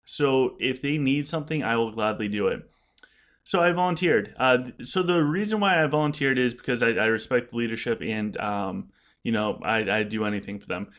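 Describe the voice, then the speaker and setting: Man talking haltingly in a casual vlog. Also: medium pitch, a bit bright. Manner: halting, repeats and restarts words. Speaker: gaming content creator addressing viewers. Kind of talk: casual unscripted vlog talk.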